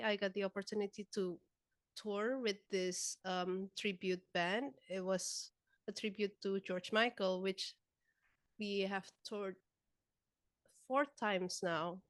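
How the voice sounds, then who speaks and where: A woman's voice: mid-range voice, fairly bright tone, no room sound, studio quality. A young woman, a guest musician chatting casually in an interview, with many filler words. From Indonesia.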